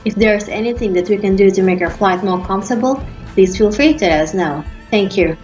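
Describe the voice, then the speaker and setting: Female flight attendant announcer, Filipino accent, courteous scripted read, average pitch, echoing room with background music. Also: brisk, a little mellow, lo-fi sound. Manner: formal, polite scripted flight attendant delivery. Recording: roomy echo, background music. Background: faint to clear music.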